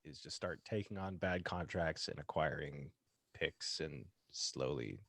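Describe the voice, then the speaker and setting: Deep-voiced young man, dry close sound. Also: a little slow, gravelly, fairly bright tone, no room sound. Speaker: podcast co-host. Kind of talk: casual sports podcast chat.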